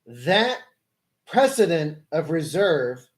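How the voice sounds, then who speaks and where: A man's voice: on the high side, big pitch swings, takes it slowly. A man hosting a live stream, debating politics with a caller in an explanatory way, correcting and rephrasing as he goes. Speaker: livestream host.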